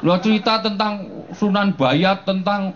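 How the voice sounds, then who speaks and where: Preacher joking through a sermon. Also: male voice, high voice, a little slow. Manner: joking, animated storytelling with frequent chuckles. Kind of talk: humorous sermon. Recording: dull, noisy live recording.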